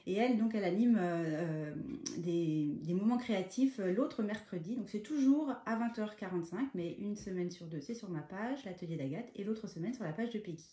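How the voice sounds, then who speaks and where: A woman hosting a live craft tutorial, chatting casually, greeting viewers by name and filling pauses with hesitations. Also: medium pitch, lively intonation, dark tone. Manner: chatty, greets viewers by name mid-sentence, many fillers.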